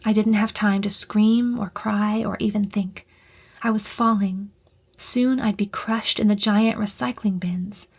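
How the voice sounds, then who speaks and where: A woman reading a first-person audiobook, her narration tense and breathy, often dropping into a half-whisper. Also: mid-range voice, fairly even intonation, unhurried, a little mellow.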